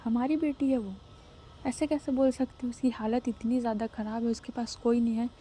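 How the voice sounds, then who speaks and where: A woman's voice: fairly high pitch, steady tone, fairly quick, mellow, slight background noise, natural voice. Woman voicing a stern, worried mother. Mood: angry, defiant. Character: anxious, stern middle-aged mother.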